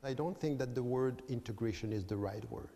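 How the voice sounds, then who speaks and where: A man from Switzerland, a professor and interview guest, explaining his views in a measured way. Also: mid-range voice, mellow. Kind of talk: debate interview. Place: debating hall with an audience. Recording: long hall reverb.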